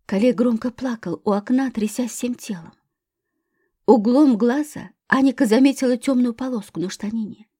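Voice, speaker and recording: A woman narrating a thriller audiobook with a tense, measured reading. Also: a little high, dark tone, husky, no echo, studio quality.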